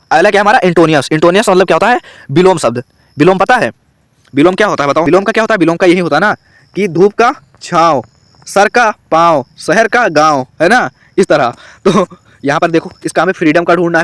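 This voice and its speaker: Indian man teaching grammar, fairly high, dry. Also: dry recording. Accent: Hindi. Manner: explains step by step, asks students questions. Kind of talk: online grammar lesson.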